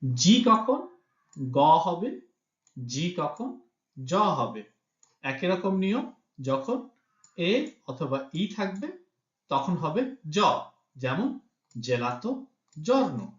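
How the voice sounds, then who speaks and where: A man's voice: a little high, big pitch swings, extremely slow, pauses often, echoey room, lo-fi sound. A man teaching a language lesson, patiently spelling out letters and example words one at a time. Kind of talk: teaching Italian pronunciation in Bengali.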